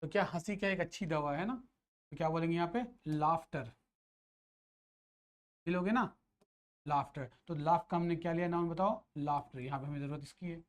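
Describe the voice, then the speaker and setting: A man's voice: on the high side, fast talker. A man teaching grammar, firing questions at students and answering them himself. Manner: asks and answers his own questions. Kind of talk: classroom lecture.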